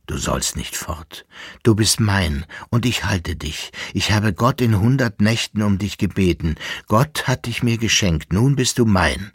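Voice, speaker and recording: A man's voice: lowish voice, animated, a little slow, breathy edge, no room sound, clean studio sound. A man voicing a grave, lovesick emperor in a literary audiobook, with earnest, tender declamation. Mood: possessive. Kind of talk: audiobook reading.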